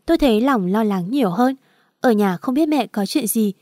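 A woman telling a first-person story as narrator in a steady, even way. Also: a little high, normal speed, no echo, clean studio sound.

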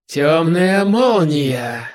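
A man putting on a demon lord, dry voice, slow drawn-out speech, self-satisfied, menacing, storybook villain. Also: on the high side, sing-song, exaggerated voice.

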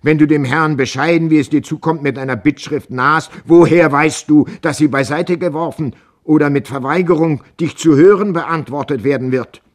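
A man's voice: mid-range voice, sing-song, measured pace, a little mellow. A man reading the part of a distraught young wife who pleads urgently with her husband in a storybook reading. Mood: pleading. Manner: urgent, rising, emotional pleas.

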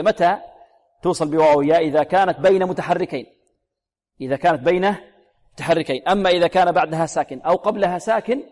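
Slow, deliberate man in a long-reverb room. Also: a little high, darkish tone. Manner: slow, drawn-out demonstrations of words, repeated many times; asks questions and answers them himself. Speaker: Quran recitation teacher. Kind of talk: tajweed lesson with recited examples.

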